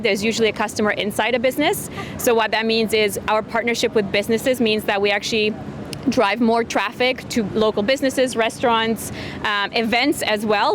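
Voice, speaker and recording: Woman, interview answer, raised pitch, faint urban outdoor noise. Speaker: company executive interviewee.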